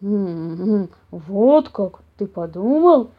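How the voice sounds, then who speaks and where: A woman voicing a huge, slow, half-deaf old papa bear who talks in a booming, puzzled way. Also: animated. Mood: mild. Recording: dull lo-fi audio.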